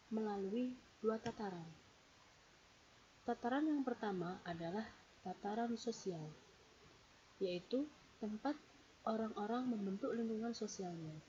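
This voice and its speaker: A woman with a somewhat high, dark-toned voice reads out a lecture presentation on a psychology theory, speaking a little slowly with long pauses. She explains steadily, counting off her points one by one, on a dull lo-fi recording with faint hiss.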